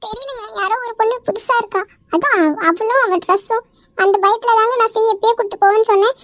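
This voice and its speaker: A performer doing a frantic cartoon mother with a piercingly high, squeaky voice. She pleads and sobs in a rapid rush of words. The recording is close and dry. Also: fairly bright tone, dry recording. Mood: tearful pleading. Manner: pleading, sobbing. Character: distraught mother, middle-aged woman, tearful. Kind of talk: animated cartoon dialogue.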